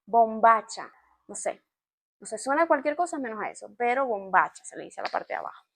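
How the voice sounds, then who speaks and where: Venezolana de voz algo aguda, conversadora. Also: female voice, fairly high pitch, a little fast. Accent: Venezuelan Spanish. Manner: chatty and expressive, explaining with laughs. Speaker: vlogger. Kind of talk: casual storytime chat to camera.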